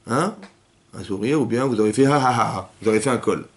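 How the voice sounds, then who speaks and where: A man teaching a lively class to young women, asking questions and acting out cries and quotes. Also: medium pitch, fast. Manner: animated, asks questions, acts out cries and quotes. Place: synagogue hall with young women students.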